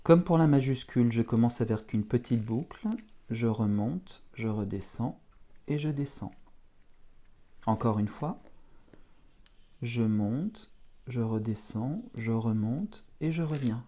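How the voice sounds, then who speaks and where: A man teaching beginners to write letters, talking them slowly through each stroke. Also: mid-range voice, mellow. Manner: slow, step-by-step instruction. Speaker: Russian teacher. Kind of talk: handwriting lesson for beginners.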